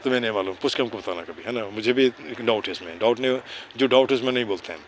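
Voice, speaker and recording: A man of middle pitch explains things to children in a casual outdoor teaching chat, near a city park. He keeps checking that they follow with little tag questions, slips English words and phrases into his sentences and recites rhyming slogans. Faint traffic hums behind him. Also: racing. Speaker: neighbourhood cleanliness volunteer teaching children.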